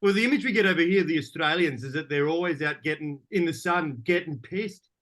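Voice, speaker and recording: A man plays a young male student in an audio drama, earnest and a little hesitant, now and then taking things too literally. His voice runs high and bright. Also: fairly quick, lightly acted. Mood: chatty. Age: young adult.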